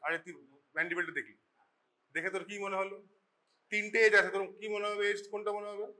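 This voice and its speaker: A man's voice: high-pitched, fairly even intonation, quick pace, pushed and bright. A man lecturing medical students in a classroom, speaking with a Bengali accent in a chatty, scolding way, often slipping into English. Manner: chatty, scolding, switches into English mid-sentence. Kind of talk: informal classroom teaching. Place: college classroom.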